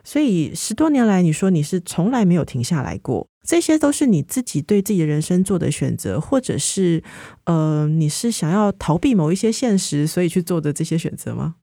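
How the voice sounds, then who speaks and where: Calm Taiwanese woman hosting an interview. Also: lowish voice, no room sound, studio quality. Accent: Taiwanese Mandarin. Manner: calm, measured questioning. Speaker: host. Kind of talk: interview podcast.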